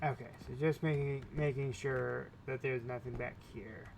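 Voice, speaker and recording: A man's voice: mid-range voice, fairly even intonation, normal speed, gravelly, a little mellow, slight background noise. A man hosting a playthrough, giving casual commentary as he games. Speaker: gamer, host of a playthrough.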